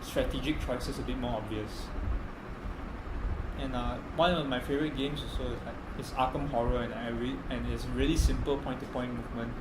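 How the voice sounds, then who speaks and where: A man with a Malaysian English accent speaking casual, slangy English in a hesitant, rambling way during a group discussion. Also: mid-range voice. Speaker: playtest participant, game designer. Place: echoey room at a playtest meet. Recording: roomy, echoey, clearly noisy recording.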